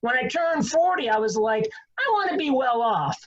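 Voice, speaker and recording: Man, fifties, stand-up comic, dry delivery, high voice, lo-fi sound. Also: animated, normal speed, crowd noise. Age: 50s. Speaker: comedian. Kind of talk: stand-up monologue.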